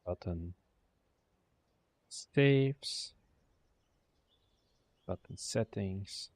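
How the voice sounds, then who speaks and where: On a dry recording, a young Dutch indie developer sounds animated, drawing out his words in a low-pitched, darkish voice. He's thinking aloud on a relaxed livestream, muttering, trailing off and swearing occasionally.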